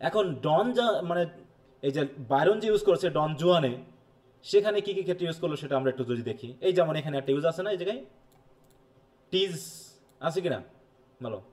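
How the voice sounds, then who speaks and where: Male teacher, slightly higher voice, patient lecture delivery with comprehension checks. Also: darkish tone. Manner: explains slowly, reads English passages, checks understanding with questions. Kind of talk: bilingual classroom lecture.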